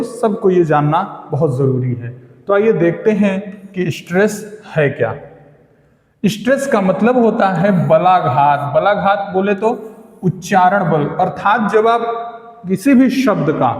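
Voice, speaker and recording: High-voiced Indian teacher, slow and echoey. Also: male voice, a little mellow. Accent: Indian English. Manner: slow, repetitive, quizzing the viewer. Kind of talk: video lesson, mixing Hindi and English. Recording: echoey room with long reverb.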